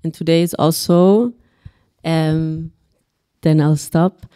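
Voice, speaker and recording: A woman's voice: deep voice, fairly even intonation, takes it slowly, mellow, smooth, no echo, clean studio sound. A young woman from Austria speaking earnestly as a panelist, restarting phrases as she thinks aloud. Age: young adult. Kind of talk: panel discussion.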